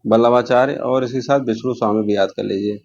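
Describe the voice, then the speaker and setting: On a muffled recording, a man teaches an informal exam class, explaining the questions, repeating key terms and posing rhetorical questions. His medium-pitched, darkish voice moves fast with fairly even intonation.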